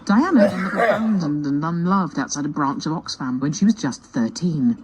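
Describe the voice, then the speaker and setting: A woman's voice: low-pitched, expressive, moderate pace, darkish tone, rough recording. A woman presenting a television show in a scripted style. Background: music.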